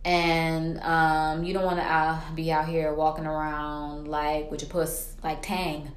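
A woman's voice: low-pitched, monotone, slow pace. A woman hosting a casual chat in a colloquial, rambling, quippy way. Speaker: podcast host. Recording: roomy echo.

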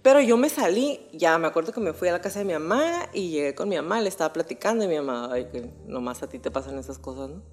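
A young woman with a Mexican accent telling a personal story on a podcast in a casual, animated way, full of slang and swearing. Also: low-pitched, quick pace, few pauses. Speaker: podcast host.

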